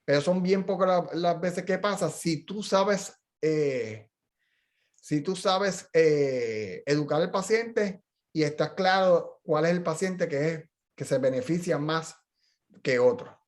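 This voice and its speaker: A man's voice: on the high side, slow pace. A middle-aged man, a physical therapist, talking casually in a journal club discussion and telling stories with frequent restarts. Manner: chatty storyteller, explains with frequent restarts.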